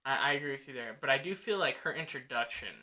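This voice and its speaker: A young man co-hosting a casual movie discussion, animated and full of "like" fillers, acting out scenes as he talks. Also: medium pitch, quick pace. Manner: animated, acts out scenes with quoted lines, many "like" fillers. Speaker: podcast co-host.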